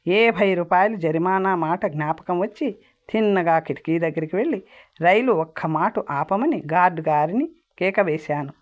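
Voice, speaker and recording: A woman's voice: fairly low pitch, animated, moderate pace. A woman narrating an audiobook in a plain storytelling manner. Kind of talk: storybook reading. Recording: dull lo-fi audio.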